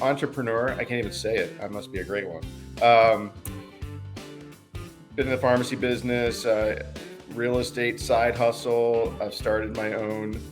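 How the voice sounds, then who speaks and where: Relaxed guy guesting on a podcast, jokey, low-ish voice, faint music. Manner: laid-back, joking, casual swearing. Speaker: guest, pharmacist and business consultant. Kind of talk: casual interview chat.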